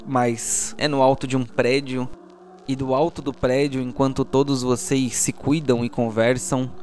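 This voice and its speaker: Narrating a tabletop RPG audio drama as its game master, a Brazilian-accented man uses a theatrical, storytelling delivery. His medium-pitched voice is a little mellow. A little hiss or hum is audible, and soundtrack music plays underneath.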